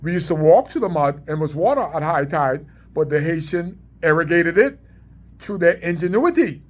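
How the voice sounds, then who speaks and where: A man's voice: fairly high pitch, animated, moderate pace. A middle-aged Bahamian man with a Bahamian accent, telling community stories in an emphatic, repetitive, preaching way. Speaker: community sports organizer. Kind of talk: storytelling monologue.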